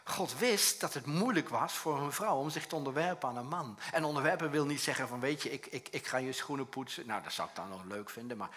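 Male pastor, bright tone, chatty sermon delivery, acts out little scenes. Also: mid-range voice, fairly quick, few pauses. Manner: lively, conversational, acts out little dialogues.

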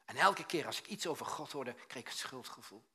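A male preacher delivers a storytelling sermon with a bright, husky voice. He acts out the voices in his stories, jumping from loud bursts to near-whispered asides. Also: mid-range voice, a little fast. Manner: animated storyteller, acts out dialogue, swings from loud to hushed.

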